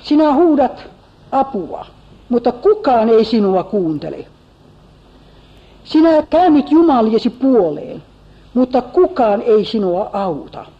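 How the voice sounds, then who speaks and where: A woman's voice: fairly high pitch, sing-song, hardly any pauses. A woman voicing a lecturing, self-righteous male comforter from a biblical story, in a reproachful, preachy manner. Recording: slightly dull lo-fi recording.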